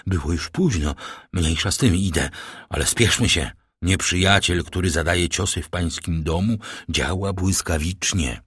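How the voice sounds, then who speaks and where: A man voicing a cold, guarded middle-aged doctor in an audiobook, speaking in a cool, measured, cutting way. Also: sits low, a bit bright, husky, no room sound, clean studio sound. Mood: urgent. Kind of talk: audiobook character voice.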